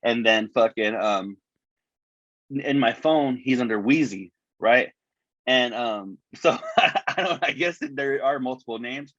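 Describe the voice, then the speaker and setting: A man's voice: medium pitch, measured pace, a bit bright, no echo. A man chatting loosely as a podcast co-host, his voice thin and tinny through a wireless earbud mic. The lo-fi sound has a dull top end, and the room is dry and close. He rambles along, piling up swear words and fillers. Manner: rambling, heavy cursing and fillers. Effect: tinny sound from earbud microphone. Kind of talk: casual chat. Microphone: wireless earbuds as microphone.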